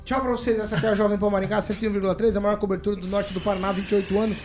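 A Brazilian man hosting a radio talk show, teasing his co-hosts in quick banter. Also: sits high, little pitch movement, a little mellow, faint music behind. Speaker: radio host. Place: radio studio.

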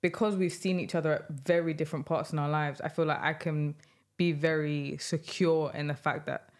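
A woman's voice: low-pitched, steady tone, normal speed. A young woman co-hosting a casual podcast, speaking in an earnest, heartfelt way about friendship. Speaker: co-host. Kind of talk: casual chat.

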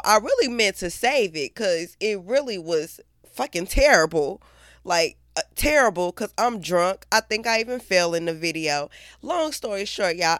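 A woman's voice: mid-range voice, no echo, clean studio sound. A young woman hosting her own podcast, hung over and drowsy, talking in a casual, profane way and laughing as she speaks to her listeners. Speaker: podcast host.

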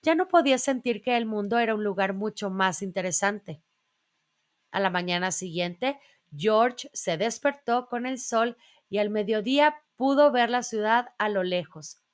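A woman reading a children's storybook aloud in a gentle, measured way. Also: medium pitch, expressive.

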